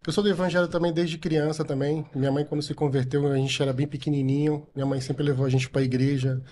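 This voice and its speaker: A man's voice: on the high side, little pitch movement, fast, dark tone, a little hiss or hum. A man who coordinates a Sunday school, earnestly telling his faith story in a podcast interview. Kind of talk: casual testimony in a podcast interview.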